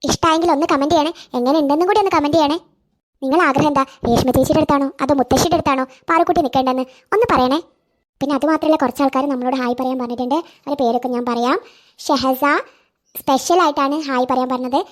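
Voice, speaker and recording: Brief: woman host, high voice, casual chatty shout-outs. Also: steady tone, rapid-fire. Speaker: channel host.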